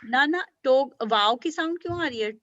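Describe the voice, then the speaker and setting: A woman's voice: high-pitched, animated, normal speed, a bit bright, dry recording, dull audio. A woman teaching beginner language to children, patiently sounding out letters and praising often. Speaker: Urdu teacher.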